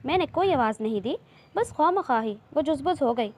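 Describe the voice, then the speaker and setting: A woman's voice: high voice, expressive, brisk, a little mellow. A woman reading a romance novel aloud, voicing a shy, fretful young woman who pleads and protests. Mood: flustered, pleading. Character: shy, anxious young woman, easily flustered.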